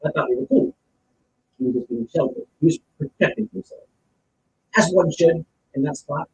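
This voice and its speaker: Here a streamer with a somewhat high, slightly mellow, expressive voice speaks at moderate speed through lo-fi audio. His commentary is casual, blunt, and opinionated, full of emphatic repetition and examples. The distant mic picks up room echo and faint noise.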